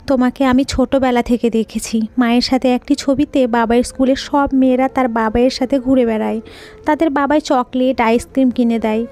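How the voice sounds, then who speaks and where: A tearful little girl pleads with her father in an audio story, high-pitched and begging, voiced by a woman narrator. Her words come in soft, broken appeals. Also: lightly acted.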